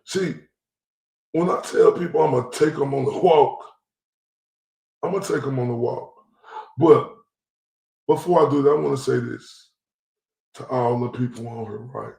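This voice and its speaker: A man's voice: medium pitch, unhurried, vocal fry, pauses often, darkish tone. A man from Dallas, ranting bluntly and profanely as a commentary host. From Dallas, Texas. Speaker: YouTube commentator. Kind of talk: livestream rant. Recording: roomy echoey recording.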